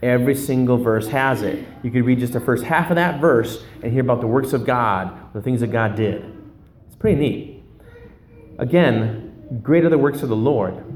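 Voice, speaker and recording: A man's voice: medium pitch, moderate pace, reverberant, slight background noise. A man preaching a sermon in an informal, conversational way, sometimes hunting for his notes and restarting phrases. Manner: casual, searching for words, loses his notes. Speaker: pastor.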